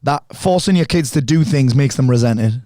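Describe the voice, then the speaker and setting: An animated middle-aged man telling stories in a relaxed podcast conversation, swearing freely. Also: mid-range voice, brisk. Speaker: podcast guest. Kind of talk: casual conversation.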